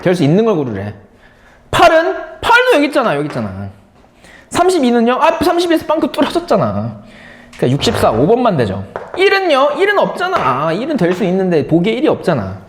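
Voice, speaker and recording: A man's voice: high-pitched, huge pitch swings, fast talker, roomy sound, slight background noise. A man teaching a live math class, playful and drilling key terms by repeating them. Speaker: math instructor.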